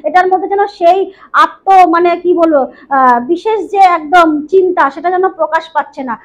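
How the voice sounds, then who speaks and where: A woman with a very high voice gives a grammar lesson, going over each definition again and again. She keeps checking in with rhetorical questions. The recording sounds dull and lo-fi. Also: a little fast. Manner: repeats and drills definitions, asks rhetorical questions. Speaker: teacher.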